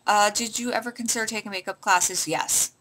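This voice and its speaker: A woman's voice: mid-range voice, fairly even intonation, a little fast, bright, forceful tone. A young woman beauty vlogger talking casually through a questionnaire, chatty with many fillers and restarts. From Canada. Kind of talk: casual chat answering a tag questionnaire.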